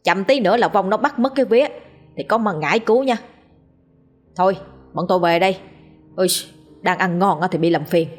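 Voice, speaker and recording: A woman voicing a gruff older male exorcist who scolds and mocks a ghost harshly. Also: medium pitch, brisk, pauses often, soft background music, close to an everyday voice. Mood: brusque. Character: gruff old male exorcist, mocking and stern.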